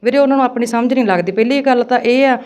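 Punjabi woman guest, quick earnest storytelling, smooth clear voice. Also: fairly high pitch, darkish tone. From Punjab, India. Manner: fast, earnest storytelling, often addressing the host as brother. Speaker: interview guest recounting work abroad. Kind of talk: emotional personal account in casual Punjabi.

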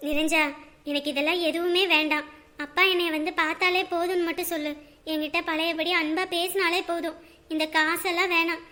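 A caring young wife in a home drama, played by a woman, with a very high, ringing voice that talks softly and soothes the people around her. her tone is clear and bright, and she sounds patient and devoted. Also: little pitch movement, brisk. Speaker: actor. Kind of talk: web drama acting.

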